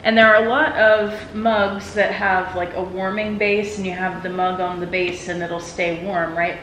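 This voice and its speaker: This woman's voice is medium-pitched, level in tone, a bit bright and moderately paced. She's hosting a home vlog, chatting casually while gifts are opened indoors in a roomy space. Echo and noticeable background noise fill the recording.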